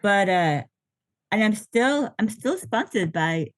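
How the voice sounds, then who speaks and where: A woman's voice: medium pitch, animated, takes it slowly, no room sound. A woman in her late fifties, a podcast guest, chatting casually and laughing often, with lots of fillers, over a video call. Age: 50s. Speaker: podcast guest, ultra triathlete. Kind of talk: casual interview chat.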